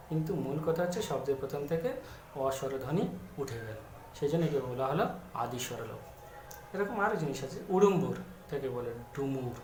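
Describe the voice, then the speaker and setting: Man teaching, fairly high voice. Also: a little hiss or hum. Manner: explains patiently, asking and answering his own questions. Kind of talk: grammar lesson for students. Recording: echoey room with faint music.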